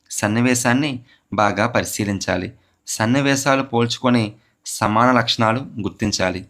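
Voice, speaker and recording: Low-ish and a bit bright, this man's voice carries a psychology lecture aimed at a teacher exam. Working through an exam question, he raises a question, supplies the answer himself, and keeps repeating key terms so they stick.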